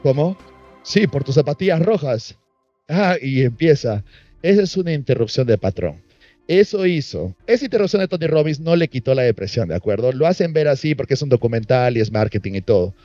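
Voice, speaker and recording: A man leads a workshop and acts out conversations with a client as he teaches. His voice is dark and mellow. The recording sounds muffled, with faint music behind him. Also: mid-range voice, sing-song, fairly quick, no echo. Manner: storytelling, acting out client dialogue. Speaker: NLP trainer.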